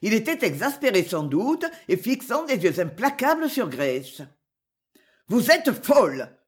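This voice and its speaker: Audiobook narrator, literary reading, animated pitch, measured storytelling. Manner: slow, expressive storytelling.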